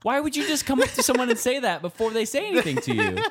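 A man's voice: very high-pitched, wildly swooping pitch, fast, a bit bright, a little hiss or hum. A man co-hosting a comedy podcast, trading blunt, sardonic comebacks. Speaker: podcast co-host. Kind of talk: casual comedic banter.

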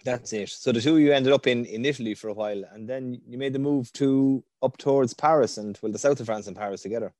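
A man's voice: mid-range voice, quick pace, hardly any pauses, darkish tone. A man with an Irish accent hosting an interview in a conversational style. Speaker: interview host.

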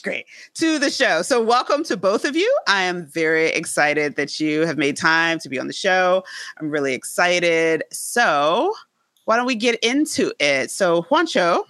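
A woman hosting a casual podcast interview, her voice sitting on the lower side and swinging widely as she talks. She sounds enthusiastic and laughs often, and the recording is dry and close. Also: big pitch swings, a little slow, fairly bright tone, dry recording. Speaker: podcast host.

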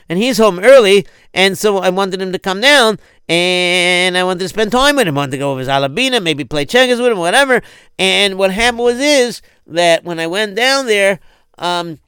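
A man's voice: high-pitched, bright, forceful tone, clear, resonant tone, no room sound. A man playing an anxious father who rambles and stammers through his story. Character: anxious, flustered father pleading for help.

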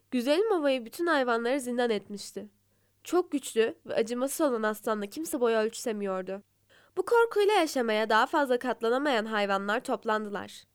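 A woman narrating fables in a calm, measured way. Her voice is high and smooth. The recording is close and dry. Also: no room sound. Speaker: storyteller.

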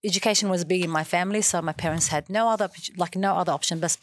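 A woman in her thirties from Iraq, guest on a school radio interview, talks in a slightly low voice. She answers warmly but hesitantly, filling her pauses with small sounds as she gathers her thoughts. The recording comes from a school radio studio. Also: steady tone, no room sound. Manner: warm, hesitant with many fillers. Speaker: teacher being interviewed.

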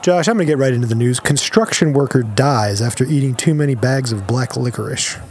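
A man co-hosting a casual, comedic podcast, playful and quick to laugh. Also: mid-range voice, expressive, a little hiss or hum. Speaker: podcast co-host.

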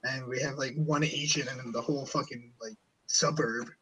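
A man's voice: mid-range voice, fairly even intonation, moderate pace, pushed and bright, husky, poor audio. A man hosting a podcast in casual chat, rambling and swearing a lot. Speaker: podcast host.

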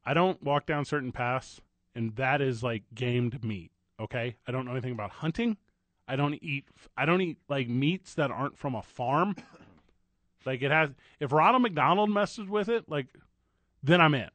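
A man's voice: mid-range voice, moderate pace, a bit bright, no room sound. A man from St. Louis co-hosting a radio show, chatting casually in a playful, rambling, slangy way. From St. Louis, USA. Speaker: radio co-host.

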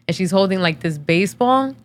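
A woman's voice: medium pitch, animated, brisk. A woman in her thirties hosting a podcast, telling a personal story in a casual, candid way with many fillers, tearful and emotional. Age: 30s. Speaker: podcast host.

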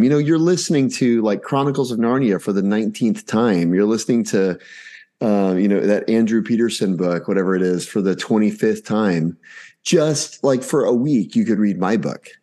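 Guy in his 40s on a podcast, lowish voice, animated storytelling, acts out the back-and-forth. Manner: animated, acts out family dialogue. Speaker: podcast guest. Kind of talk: casual anecdotal storytelling.

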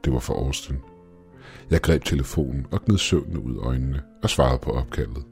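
A man narrating a scripted first-person story in a steady, measured way. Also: rumbling low, gravelly, soft background music.

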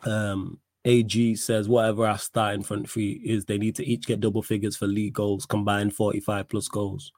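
In studio-quality audio with no room sound, a British man hosts a football fan livestream in London roadman slang, repeating himself for emphasis. His pitch is fairly low and his tone darkish, and he speaks flatly at a moderate pace with hardly any pauses.

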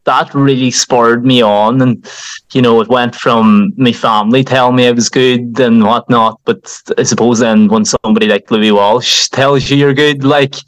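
A man's voice: medium pitch, steady tone, moderate pace, no room sound, rough recording. A young man from County Donegal with a Donegal Irish accent, chatting informally as an interview guest and peppering his talk with "like" and "you know". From County Donegal, Ireland. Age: young adult. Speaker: podcast guest, country singer. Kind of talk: casual interview chat.

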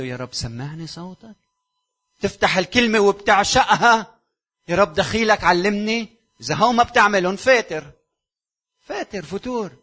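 Lebanese pastor preaching with sharp swings. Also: male voice, a little high. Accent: Lebanese Arabic. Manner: swings from loud exhortation to near-whispered asides; asks the congregation rhetorical questions. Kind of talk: sermon.

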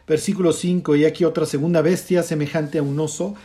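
Guy teaching a bible study, kinda high voice but mellow, keeps going "ok?" to check everyone follows. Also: level tone, fairly quick. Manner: explains scripture, then comments on it pointedly.

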